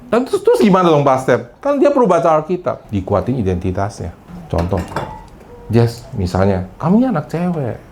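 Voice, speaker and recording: Male pastor, mellow tone, faint background hiss; chatty, teasing sermon that slips into English phrases. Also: medium pitch, very animated, brisk. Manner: chatty, teasing, drops English phrases in, keeps addressing the congregation. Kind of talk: casual conversational sermon.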